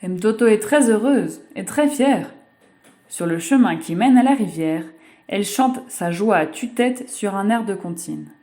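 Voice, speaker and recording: Expressive woman reading a children's story. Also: medium pitch. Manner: expressive, measured narration. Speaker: storyteller voicing a sign-language reading. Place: voice-over for a video.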